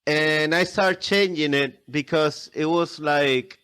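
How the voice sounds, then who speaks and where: A man with a somewhat high voice talks casually as an interview guest. His English is non-native, and he often doubles back, repeating words and short phrases as he explains. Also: takes it slowly, a bit bright, clear, resonant tone. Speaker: podcast guest, airsoft video creator.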